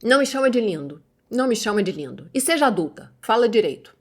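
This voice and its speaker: A woman's voice: a little high, big pitch swings, quick pace. A woman voicing an angry young boyfriend, quoting him in curt, demanding bursts.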